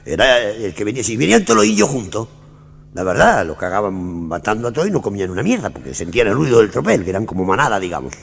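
Crude, gravelly Argentine comedian, live. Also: male voice, on the low side, sing-song, quick pace, slight background noise. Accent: Argentine Rioplatense Spanish. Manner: rambling, crude, laughs at his own jokes. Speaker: stand-up comedian. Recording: live show cassette recording.

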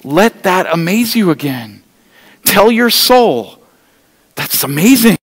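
Husky and high-pitched, with big swings in pitch and a slow pace, a middle-aged man preaches a Sunday sermon, pleading earnestly with his congregation. The pastor walks the stage carrying an open Bible, and the large church hall gives the sound a long reverb.

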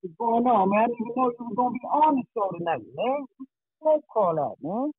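A man calling in to a show on a muffled phone line that sounds like it comes through a wall, loud and hyped as he shouts people out. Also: extremely high pitch, very animated, fairly quick, husky, dry recording. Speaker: caller. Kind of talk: casual call-in chat.

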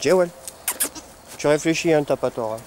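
A man, a dog breeder, coaxing and training puppies among goats with affectionate baby talk and sudden high calls. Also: moderate pace, darkish tone, slight background noise. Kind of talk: talking to puppies and goats while training them. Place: animal pen with goats.

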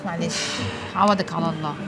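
A woman's voice: fairly low pitch, fairly even intonation, fast, close to an everyday voice. A woman playing a teasing Egyptian best friend. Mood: consoling, teasing. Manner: teasing, soothing. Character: loyal joking woman friend, comforting. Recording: TV drama with music score.

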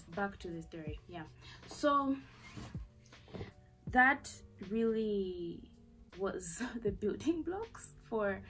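This rough recording captures a young Zambian woman at medium pitch, candidly recounting something personal to her camera. She's in a small bedroom at desk distance, and her vlog-style telling wanders through fillers and asides.

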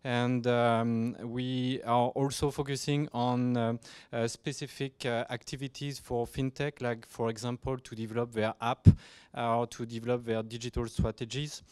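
A man from France, a professor, introducing himself haltingly into a handheld mic in a seminar room. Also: mid-range voice, level tone, darkish tone, smooth, no room sound. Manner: halting, repeats words. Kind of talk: self-introduction at book launch.

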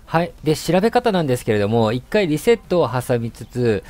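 A man's voice: mid-range voice, big pitch swings, a little fast, over music. A young man with a Hiroshima accent giving casual game commentary, chatty and thinking aloud, with frequent laughs. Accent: Hiroshima dialect.

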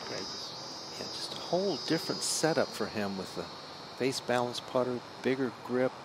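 A man's voice: medium pitch, expressive, normal speed. A man commentating on live golf as an analyst, in conversational, technical, clipped phrases. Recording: clear outdoor course noise behind.

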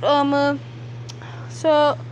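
Woman, very high voice, casual app tutorial, rambling, jokey, mutters asides under her breath. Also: monotone, extremely slow, slight background noise. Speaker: YouTuber demonstrating apps.

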